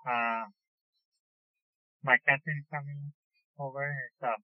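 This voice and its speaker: A man taking part in an interview over a phone line, giving short, simple, halting answers. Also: medium pitch, fairly even intonation, dry recording. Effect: heard over a phone line. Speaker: interview guest. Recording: tinny dry phone line.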